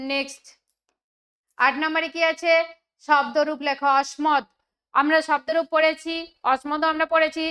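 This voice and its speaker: High, flat-voiced woman teaching. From West Bengal, India. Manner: asks questions then answers them, slowing to read examples. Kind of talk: exam solution lesson.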